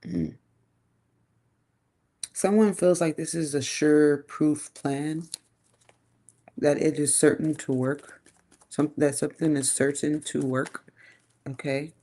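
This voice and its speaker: A woman's voice: sits low, steady tone, slow pace, pauses often, mellow. A woman giving a casual live tarot reading, thinking aloud in a chatty, loose way and swearing now and then. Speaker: tarot reader.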